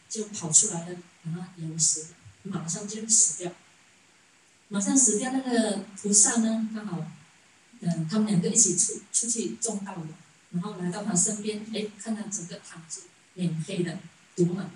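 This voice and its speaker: Speaking at a normal pace, this woman has a dark, mid-range voice as she delivers a Buddhist sermon in story form, with frequent chuckles and rhetorical questions. She is a dharma teacher, recorded from a distance in an echoey room with slight hiss or hum.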